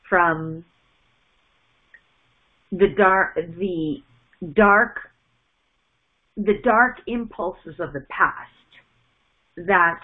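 Slow, halting woman channeling a message. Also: on the low side. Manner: slow, halting delivery with repeated and restarted words. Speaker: spiritual channeler. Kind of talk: channeled message in first person plural. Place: small indoor room at home. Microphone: wired earphone mic on a webcam call. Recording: phone-like narrow sound.

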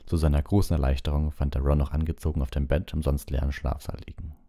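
A man reading a storybook aloud as an audiobook, in a calm, measured storytelling manner with small slips. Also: rumbling low. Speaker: audiobook reader.

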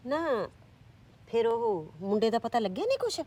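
A woman's voice: fairly high pitch, very animated, moderate pace, no echo. A woman playing a nagging, scheming village aunt. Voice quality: loud, nagging, coaxing. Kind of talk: village drama acting.

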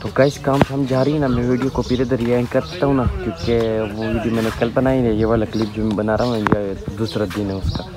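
Brisk and with few pauses, a young man in his twenties chats casually to viewers in a steady, medium-pitched voice while touring a house from its rooftop to a village yard. He keeps tagging "na" onto his remarks as he points things out. Recorded on a phone at arm's length, the clip carries birdsong and outdoor background noise.

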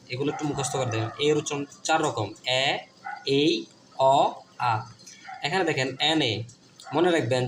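A man teaching a lesson, spelling words letter by letter and slowing down to sound out each syllable, repeating key points and checking in with his listeners. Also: medium pitch, slight background noise.

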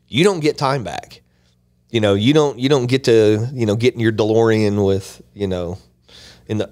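A man in his fifties co-hosting a church podcast, talking in an earnest, rambling way full of asides, close on a boom mic in a small studio. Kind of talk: casual chat. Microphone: boom mic close to mouth.

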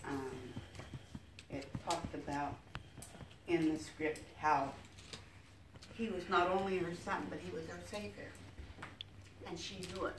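An older woman, a grandmother sharing a personal memory in an earnest, halting way. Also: sits low, gravelly. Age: 60s or older. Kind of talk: personal reminiscence. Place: living room, indoors. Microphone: phone or camera across the room. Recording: distant, echoey, very noisy home recording.

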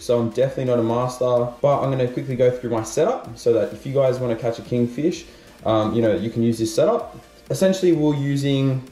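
Mellow guy explaining his fishing setup. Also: medium pitch. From Australia. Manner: chatty, explains step by step with fillers. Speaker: fishing vlogger. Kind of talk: casual how-to explainer. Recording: roomy echo.

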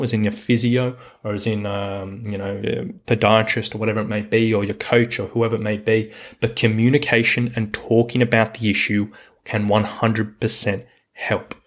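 A man hosting a solo coaching podcast, talking in an earnest, reassuring way and repeating words for emphasis. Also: on the low side. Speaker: podcast host, hiking coach.

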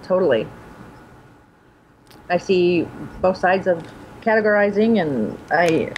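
A woman's voice: lowish voice, animated, slow, muffled recording, a little hiss or hum. A woman in her forties, a guest on a video call from home, talking openly and earnestly about her life. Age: 40s. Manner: open, earnest, agreeable. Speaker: guest streamer. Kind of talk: casual video-call chat. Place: home room indoors. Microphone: laptop webcam mic on video call.

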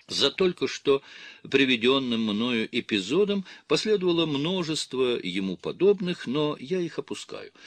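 A man reading a classic novel aloud as an audiobook in a calm, measured way. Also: mid-range voice, no room sound. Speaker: audiobook reader. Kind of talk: scripted literary narration.

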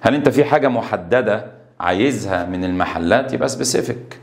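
A low, gravelly male voice with an Egyptian Arabic accent leads an English exam-prep lesson. He reads the English words slowly, then explains them fast in Arabic. He punches the key words with a sudden rise. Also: animated. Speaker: English teacher.

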